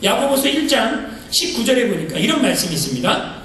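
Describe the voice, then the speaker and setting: A man preaching a sermon to his congregation, firing rhetorical questions and rising to loud emphatic peaks. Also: very high voice, sing-song, brisk, far from the mic, slight background noise. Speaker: pastor. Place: church sanctuary. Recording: echoey hall, mic from afar.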